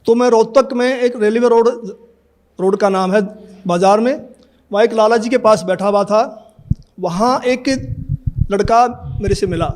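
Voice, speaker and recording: A man's voice: high-pitched, normal speed, pauses often, a little mellow. A man in his fifties giving an earnest personal testimony in an interview, telling his story and acting out remembered conversations. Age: 50s.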